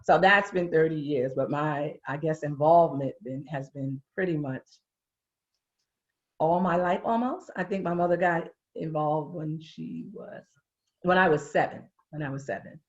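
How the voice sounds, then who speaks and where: A woman, speaking in a lowish voice. She talks in a relaxed, chatty way, laughs easily and slips into casual slang. The audio is muffled and lo-fi, as on a video call. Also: moderate pace. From Brooklyn, New York. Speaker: interview guest, educator. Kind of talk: casual interview chat.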